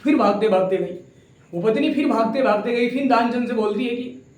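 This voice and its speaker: A man's voice: extremely high pitch, brisk, darkish tone. A man, a motivational speaker, telling a folk tale in a colloquial, rambling way, often repeating himself. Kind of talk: folksy storytelling. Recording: echoey room.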